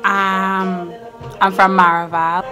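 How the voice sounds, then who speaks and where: A Trinidadian woman in her twenties, a beauty vlogger, chats casually to the camera while doing her makeup in a small indoor room with curtains and a couch, music playing in the background. Her mid-range voice is bright and forceful, with a level tone and slow pace.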